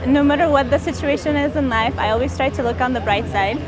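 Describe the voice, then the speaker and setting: A woman's voice: sits high, fast talker, poor audio. A woman who works as a test engineer giving casual interview answers with fillers, music playing behind her. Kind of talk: interview statement. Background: background music.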